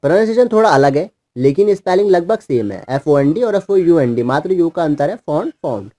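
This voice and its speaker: A man with a fairly high, dark-toned voice teaches English words to children in an animated, brisk way. Using Hindi, he explains their meanings and spells them out patiently, letter by letter.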